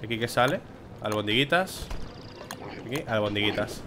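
A young Spanish gameplay streamer with a Spanish accent comments casually as he plays, talking to himself, grumbling, and exclaiming. His voice is lowish and expressive at a normal speed, with a noisy background.

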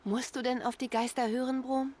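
An actress playing a calm, patient young huntress who talks a troubled man down in a video game. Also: sits high, normal speed. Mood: reassuring. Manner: calm, reassuring.

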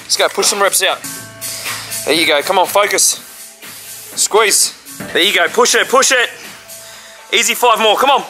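A young man in a gym counting workout reps and urging a lifter on with loud, commanding encouragement. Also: high-pitched, moderate pace, long pauses. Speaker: fitness trainer and training partner. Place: large gym, indoors. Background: music.

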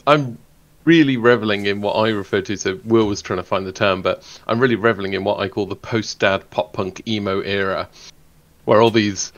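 A man's voice: on the low side, a bit bright, highs cut off. A man giving a casual album review, chatty and filled with ums, likes and "you know". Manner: chatty, laughing, many fillers. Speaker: panelist reviewer.

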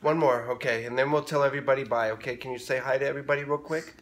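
A woman filming a casual home video, gushing with mock excitement, giggling often and playing up the joke. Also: a bass voice, very fast. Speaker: parent vlogger. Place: home in the morning. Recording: roomy echo.

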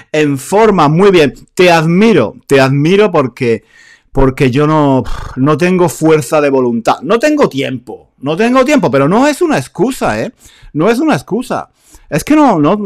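A man from Spain teaching a live online Spanish class, reading out viewers' comments in a chatty way and repeating phrases. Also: high-pitched.

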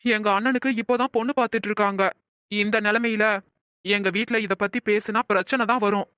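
A woman voicing a gentle young man in a cartoon, soothing and earnest. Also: medium pitch, steady tone, fairly quick, no room sound, studio quality, natural voice. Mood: worried.

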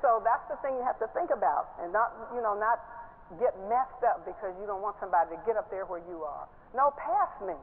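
An older woman preaching a sermon from a church stage, lively and laughing as she stresses her points. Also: brisk. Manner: animated, laughing, rising pitch when stressing points. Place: large church stage, indoors. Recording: tinny phone-like broadcast sound with faint hiss.

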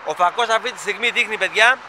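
Greek fan vlogger, high voice, eager chat, outdoor site noise behind. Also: male voice, pushed and bright. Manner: chatty, enthusiastic, addresses viewers as "guys". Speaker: fan vlogger filming a stadium construction site. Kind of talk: casual handheld vlog commentary. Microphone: camera mic, filming handheld.

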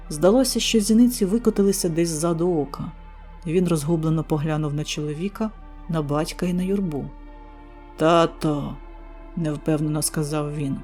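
A man reading a scary story in a tense, measured first-person telling. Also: fairly high pitch, mellow. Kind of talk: scripted horror narration.

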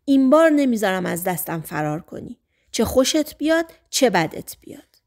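A woman's voice: on the high side, big pitch swings, darkish tone. A woman reading an audiobook, voicing a pushy young man who first coaxes and then threatens. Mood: menacing.

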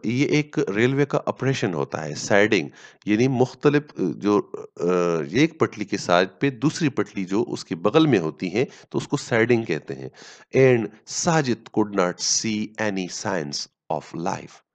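A man teaching a story as a lesson, reading each English line slowly and then explaining it at length with pauses and fillers. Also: lowish voice, big pitch swings. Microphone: voice-over on slides.

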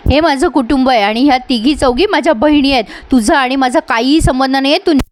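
A woman's voice: sits high, quick pace, no room sound, studio quality, lightly acted. A woman retelling the lines of an angry young man who rejects his sister in a TV serial. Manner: scolding, indignant.

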